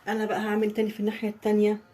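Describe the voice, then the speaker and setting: Racing along in a medium-pitched, monotone, mellow voice, a woman with an Egyptian Arabic accent decorates a birthday cake in her home kitchen, with faint music behind. The home baking vlogger chats to viewers and talks them through each step.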